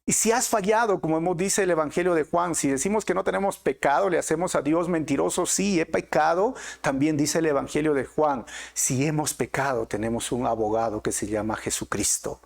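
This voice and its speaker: A man's voice: fairly high pitch, a little fast, gravelly, hardly any pauses. A middle-aged man preaching a sermon as pastor, earnest with rising and falling emphasis.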